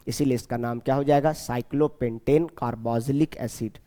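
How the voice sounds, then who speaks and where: A man teaching a chemistry class, repeating key terms slowly and asking his students questions as he goes. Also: medium pitch, fairly even intonation, mellow, big-room sound. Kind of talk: classroom lecture.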